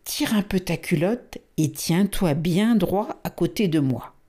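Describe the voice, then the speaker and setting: A woman's voice: lowish voice, lively intonation, unhurried, dark tone, breathy edge. A woman voicing an eager young male elephant calf in a storybook, earnest and admiring.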